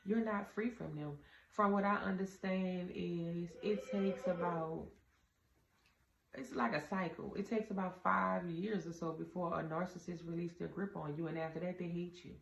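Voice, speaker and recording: Addressing her audience as "y'all," this vlogger earnestly hands out casual relationship advice in a very low, deep voice with a gravelly edge. The sound suggests a spacious indoor room with a door, recorded a little dully over a faint ambient hum.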